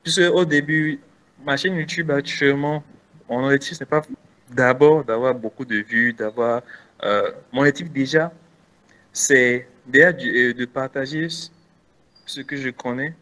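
A man's voice: medium pitch, fairly even intonation, a little slow, fairly bright tone. A man with a Beninese French accent answering interview questions casually as a guest content creator, hesitant with many restarts.

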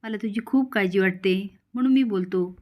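A bossy, protective big brother, read by a woman narrator. He teases his sister and barks orders at the workers. The voice stays near the reader's own middle pitch. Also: moderate pace, a little mellow, lightly acted. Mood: fond. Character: gruff teasing older brother, protective.

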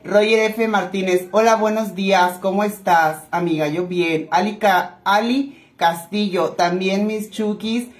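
A woman's voice: mid-range voice, fairly even intonation, unhurried, few pauses. Chatty woman cooking, echoey room. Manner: chatty and affectionate, calls viewers "tesoritos". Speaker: cooking vlogger. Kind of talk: casual cooking chat to viewers. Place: home kitchen. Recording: echoey room with faint noise.

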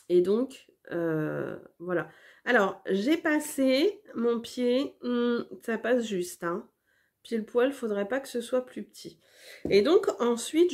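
A woman's voice: mid-range voice, a little mellow. A woman hosting a knitting vlog, chatting casually with lots of hesitations and restarts while showing her work to the camera. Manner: hesitant, many fillers and restarts. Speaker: knitting podcast host.

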